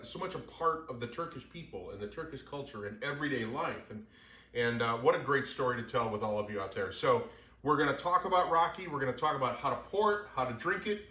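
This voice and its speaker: Guy hosting a bar show, bright forceful voice, jokey, echoey room. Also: mid-range voice. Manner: jokey, upbeat, loose. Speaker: host. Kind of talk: casual chat.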